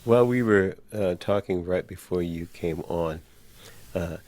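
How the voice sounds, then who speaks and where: A man's voice: low voice, measured pace, a little mellow. A man co-hosting an interview, talking in long rambling sentences full of fillers. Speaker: podcast co-host. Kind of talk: casual interview chat.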